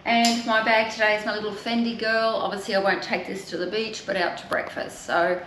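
A woman's voice: mid-range voice, little pitch movement, a little fast, a bit bright, roomy sound, slight background noise, poor audio. A woman, chatting casually to camera as a vlogger and talking sweetly to her dogs. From Australia. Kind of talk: casual vlog chat. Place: modern home kitchen.

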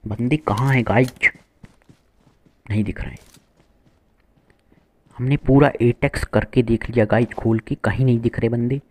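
A man's voice: mid-range voice, fairly even intonation, moderate pace, pauses often, a little mellow. A man giving playful, boastful live commentary to viewers while playing a shooter game, with gunfire behind him. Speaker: gaming streamer.

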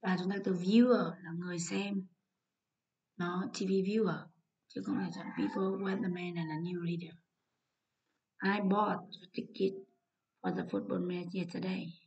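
Gravelly-voiced Vietnamese woman teacher. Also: lowish voice, fairly even intonation, measured pace, pauses often, darkish tone, lo-fi sound. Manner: explains patiently, mixing English words into Vietnamese. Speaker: English teacher. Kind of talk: exam walkthrough lesson.

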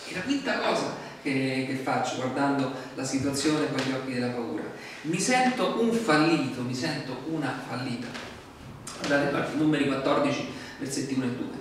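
Animated preacher man in an echoey hall. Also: mid-range voice, moderate pace, recorded from a distance, noisy background. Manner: animated, acts out the Israelites' complaints in mock voices. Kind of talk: sermon. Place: church hall.

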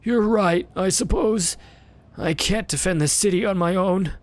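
A man voicing a ragged, sickly old beggar who claims to be the city guard, gruff and prodding, then mournful. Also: sits high, a little slow, voice pushed up.

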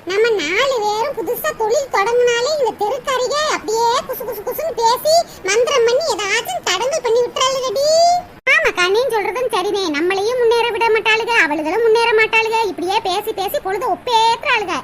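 A woman's voice: very high-pitched, fairly quick. A woman voicing chatty, consoling village women in a cartoon, with a south Tamil Nadu accent. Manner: consoling, gossipy, calls others akka and di. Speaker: neighbor. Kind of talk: cartoon voice acting. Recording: loud background noise.

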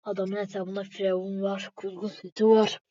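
A woman's voice: medium pitch, flat delivery, normal speed, warm tone, dry recording. A woman giving casual gameplay commentary, chatting to viewers and calling them friends again and again. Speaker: gaming video maker. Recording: dull lo-fi dry recording.

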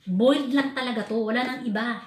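Animated Filipina woman in echoey room. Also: a little high, fast talker. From Philippines. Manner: animated, laughing while telling a sad story. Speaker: vlogger. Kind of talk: casual storytelling vlog. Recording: echoey room with faint ambient noise.

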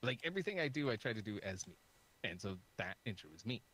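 A man with a fairly low-pitched voice talks fast on a rough recording. He's a guest YouTuber on a casual video call, rambling with heavy use of "like" and animatedly poking fun at himself.

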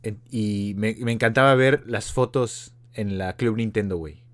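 A man's voice: on the low side, moderate pace. A Mexican man in his thirties co-hosting a casual podcast chat, joking around and reading listener comments aloud. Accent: Mexican Spanish. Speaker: podcast co-host.

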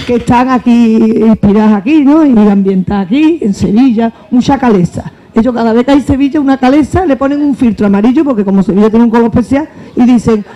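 A woman with an Andalusian accent and a fairly high voice, an actress and comedian, tells anecdotes on a panel in a book fair hall. She laughs, is expressive, and acts out dialogue, heard through lo-fi sound.

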